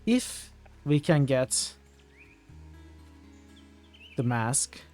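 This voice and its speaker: A man's voice: mid-range voice, sing-song, very slow, a little mellow. Casual male game streamer over faint music. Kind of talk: casual stream chat and reading game text aloud.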